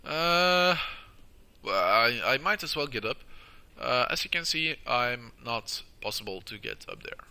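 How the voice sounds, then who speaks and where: Male gameplay host, very bright piercing tone, nose plugged with tissue, halting casual walkthrough style. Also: medium pitch, animated, clear, resonant tone. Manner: halting, hesitant delivery crowded with uhs. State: nose plugged with tissue from a nosebleed, stuffy nasal sound. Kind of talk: casual video game walkthrough commentary.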